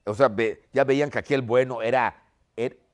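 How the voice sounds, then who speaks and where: A man's voice: mid-range voice, fairly even intonation, moderate pace. A man teaching a history class, telling the story and checking in with "ok?" after nearly every point. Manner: checks in constantly with "¿ok?", storytelling lecture. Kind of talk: lecture.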